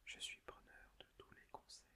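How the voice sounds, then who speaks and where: A woman presenting softly in an unvoiced, hushed library whisper, explaining things carefully in an ASMR style. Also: normal speed. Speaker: ASMR video host.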